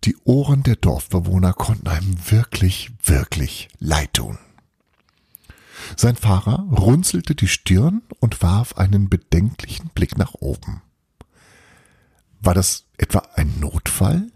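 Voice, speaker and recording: A man reading a children's story aloud in a slow, expressive way. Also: low voice, vocal fry, breathy edge, no echo, studio quality. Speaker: reader.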